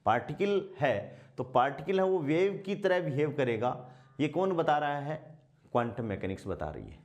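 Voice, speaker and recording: A man teaching a physics class, asking rhetorical questions and answering them himself, and slowing down to dictate while he writes. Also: fairly high pitch, big pitch swings, a little mellow, lo-fi sound. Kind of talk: blackboard lecture.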